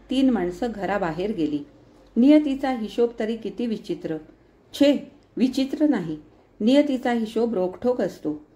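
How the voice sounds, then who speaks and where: A woman reading a novel aloud in a measured, expressive storytelling style with reflective pauses. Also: medium pitch. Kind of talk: storytelling narration.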